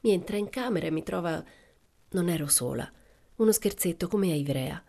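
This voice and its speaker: A woman's voice: fairly low pitch, lively intonation, brisk, gravelly, dark tone. A woman reading aloud, voicing a self-assured, worldly young woman who talks in a cool, matter-of-fact way.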